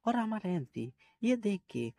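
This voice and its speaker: A man's voice: high voice, sing-song, unhurried, creaky, dark tone, dry recording. A man narrating a manga recap, retelling each scene and reading the figures' lines in a lightly raised voice.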